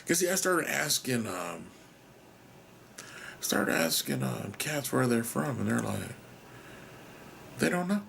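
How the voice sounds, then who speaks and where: Speaking alone, this American podcast host muses aloud, second-guesses himself and lets thoughts trail off, occasionally whispering or tossing in a casual curse. His medium-pitched voice is slow and gravelly with big pitch swings, frequent pauses and a fairly bright tone, over a little hiss or hum.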